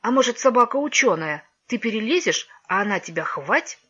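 A woman's voice: on the high side, lively intonation, a little fast, sharp tone, breathy edge, pitched above the performer's own voice, exaggerated voice. A woman voicing a timid young boy who whines and pleads, on a dull lo-fi recording. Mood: fearful. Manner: pleading, whimpering.

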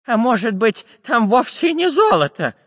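A man's voice: very high-pitched, big pitch swings, moderate pace, fairly bright tone, voice pushed up, full character voice. A man voicing an anxious male professor who pleads and frets. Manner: pleading, fretful. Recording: dull lo-fi with long reverb.

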